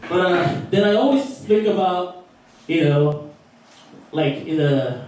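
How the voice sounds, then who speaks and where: A young Filipino comedian from the Philippines, his voice slightly high and a bit mellow, performs a profane stand-up set on a small record store stage and laughs at his own jokes. The live recording sounds roomy and distant.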